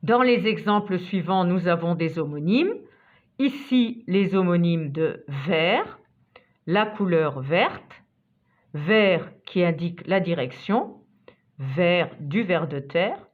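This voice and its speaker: A woman narrating a scripted vocabulary lesson as a teacher, reading out examples one by one in a measured way. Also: lowish voice, animated. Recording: tinny phone-like sound.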